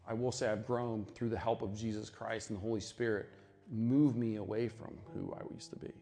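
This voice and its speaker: A man's voice: on the low side, steady tone, moderate pace, creaky, warm tone. A middle-aged man speaking earnestly at a faith conference, reflective, with frequent restarts and asides. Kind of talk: sermon-style talk at a conference.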